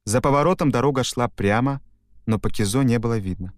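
A man, a stage actor, reading a novel aloud as a calm, measured audiobook narration. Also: mid-range voice, no echo, clean studio sound.

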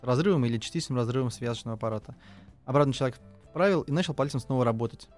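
A man's voice: medium pitch, rapid-fire, a little mellow, soft background music. A man working as a trauma surgeon, answering listener questions on radio, talking with many fillers and restarts.

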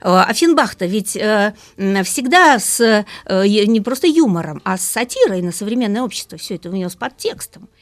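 A woman guest speaking as a music expert, explaining things lively and asking rhetorical questions. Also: mid-range voice, brisk, dry recording. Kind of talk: radio talk about opera.

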